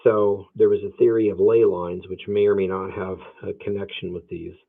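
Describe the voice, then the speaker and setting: A man's voice: low voice, little pitch movement, moderate pace, creaky. A man teaching Bible prophecy who answers viewer questions on a livestream, thinking aloud with hedges and many restarts. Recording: phone-like narrow sound.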